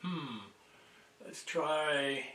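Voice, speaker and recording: A man with a slightly high voice hosts a casual livestream chat. He sits back from the boom mic, so he sounds far off. The room adds a noticeable echo around his words. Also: steady tone, drawn-out words, bright, forceful tone. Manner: distant from the microphone. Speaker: livestream host. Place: indoors at a table. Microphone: boom microphone. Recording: roomy echo, distant microphone.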